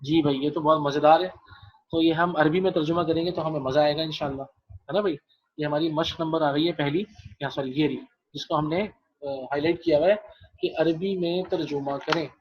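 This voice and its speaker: A man's voice: on the high side, fairly even intonation, highs cut off, slight background noise. A male Arabic teacher giving an online class. He repeats phrases patiently and calls on students by name.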